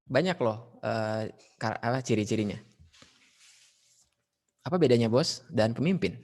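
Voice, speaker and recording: A man with an Indonesian accent teaching a leadership lesson to students over an online call, lively and mixing in English phrases as he calls on them. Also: medium pitch, unhurried. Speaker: teacher leading a leadership training session. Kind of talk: online class lecture.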